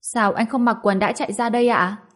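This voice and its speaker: A sweet little girl, as a woman narrator puts her on, asking gentle, polite questions in a slightly raised voice. She sounds earnest and well-mannered, like a character in an audio storybook. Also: fairly high pitch, steady tone, brisk, pitched above the performer's own voice, lightly acted.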